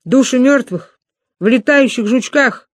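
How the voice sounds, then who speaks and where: A woman's voice: mid-range voice, lively intonation, normal speed, a little mellow, no echo, studio quality, lightly acted. A woman voicing an indignant, argumentative village boy who scolds and insists, read out in an audiobook.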